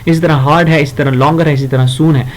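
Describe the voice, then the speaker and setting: Guy with a kinda high voice teaching grammar, reads examples real slow then chats through them, lots of uh. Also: fairly even intonation. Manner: reads English examples slowly, explains in Hindi; casual explaining with fillers and self-corrections. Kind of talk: grammar lesson.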